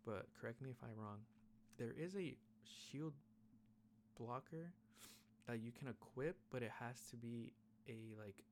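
A man's voice: mid-range voice, darkish tone. A young man hosting a podcast, reviewing a game in rambling casual chat, full of "like" fillers and swearing. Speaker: podcast host. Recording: faint background noise.

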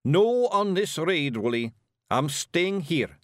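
A man voicing a boastful little male fairy clan leader with a broad Scottish accent, blustering and quick to snap. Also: fairly high pitch, very animated, no echo, studio quality, voice pushed up. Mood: commanding.

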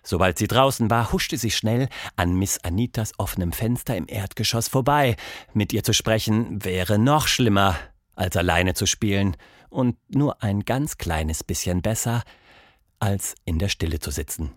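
A man reading a children's storybook aloud, with expressive, unhurried narration on a close studio mic. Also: fairly low pitch, no room sound. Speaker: storybook reader.

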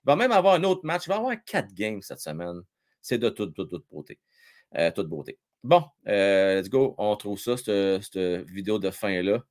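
A man's voice: lowish voice, very animated, moderate pace. Chatty Quebec man hosting a hockey stream. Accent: Quebec French. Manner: chatty, jokey, reads viewer comments aloud, many fillers. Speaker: live-stream hockey host. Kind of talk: casual live-stream chat.

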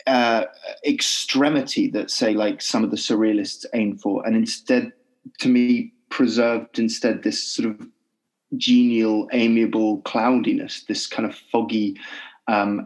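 A male poet in a podcast interview, speaking in a thoughtful, halting way with many restarts and fillers. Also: fairly low pitch, low-quality recording. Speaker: poet guest.

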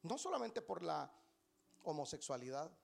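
A woman preaching a sermon in an animated way, acting out short exchanges and putting questions to her listeners. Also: low voice, normal speed, creaky. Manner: animated, acts out little dialogues, quizzes the congregation.

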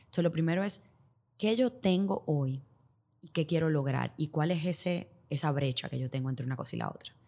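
A woman's voice: low-pitched, normal speed, gravelly, darkish tone. A woman with a Dominican accent explaining things as an expert podcast guest, in Spanglish that drops English business terms into her Spanish. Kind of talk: explanatory interview talk with hypothetical examples.

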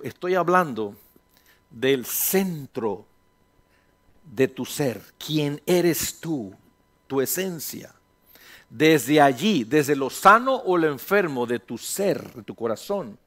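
A male pastor preaching a sermon in a lively storytelling manner, slipping English phrases into his talk and acting out little dialogues. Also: on the high side. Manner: mixes English phrases into Spanish, acts out dialogues; slows down to stress words, then speeds up.

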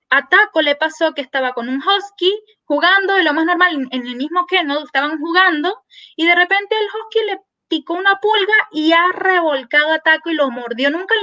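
A woman veterinarian guest on a podcast, telling a lively story and acting out the dialogue in quoted voices. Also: sits high, no echo, lo-fi sound.

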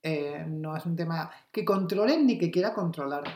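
Woman co-host, lower voice, animated self-mocking banter, echoey room. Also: moderate pace, slight background noise. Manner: joking, self-deprecating, animated. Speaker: podcast co-host. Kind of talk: casual chat. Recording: roomy echo.

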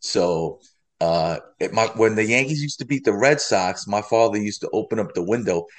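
A man's voice: lowish voice, normal speed. A man in his forties, a podcast guest telling rambling stories in casual chat, full of fillers. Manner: rambling storytelling with many fillers.

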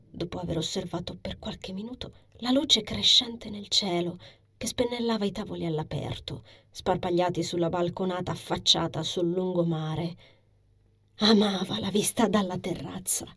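A woman narrating a novel as a steady scripted reading, soft and hushed, sometimes sinking to a whisper. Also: lowish voice, breathy edge. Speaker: audiobook narrator.

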